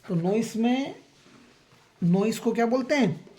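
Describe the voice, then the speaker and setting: A man's voice: very high-pitched, expressive, unhurried, mellow. Science teacher quizzing his class. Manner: keeps checking that the class understands; counts aloud and quizzes students. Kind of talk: classroom lecture.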